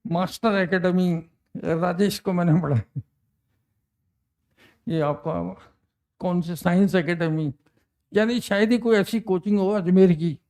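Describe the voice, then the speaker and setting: A man's voice: high voice, unhurried, pauses often, darkish tone. An older man, teaching a chemistry class in a chatty way, quizzing students and reminiscing between questions. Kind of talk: classroom lecture.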